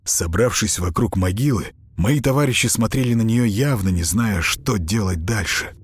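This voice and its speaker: A man's voice: fairly low pitch, normal speed, slightly rough. Man narrating a story in first person. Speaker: audiobook narrator.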